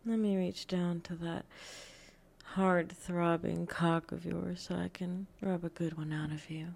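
Slow, husky whispering woman. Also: fairly low pitch, flat delivery. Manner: breathy whispering, teasing, dominant; soft frequent chuckles. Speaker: audio roleplay performer. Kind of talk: whispered adult audio roleplay.

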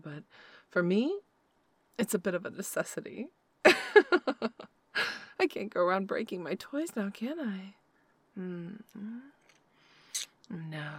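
A high-pitched woman plays a tender, possessive noblewoman lover in an intimate audio roleplay. She speaks in soft, slow whispers broken by quiet laughs.

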